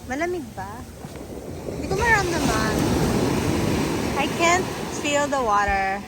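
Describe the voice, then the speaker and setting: A woman's voice: high-pitched, big pitch swings, takes it slowly. A woman with a Filipino accent chatting casually as a vlog host in playful conyo Taglish, mixing English into Tagalog. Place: outdoors at a beach. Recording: noisy outdoor recording, vehicle sounds.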